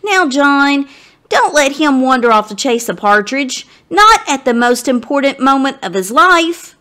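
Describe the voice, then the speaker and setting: A woman with a high-pitched voice reads a children's story aloud at an unhurried pace as a guest reader. She's expressive and dramatic, addressing her listeners directly.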